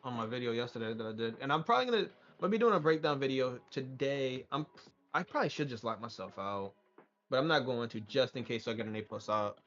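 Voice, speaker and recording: A man's voice: medium pitch, quick pace, fairly bright tone, dull audio. A man chatting about trades on a live stream, brash and rambling, swearing freely. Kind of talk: casual trading chat.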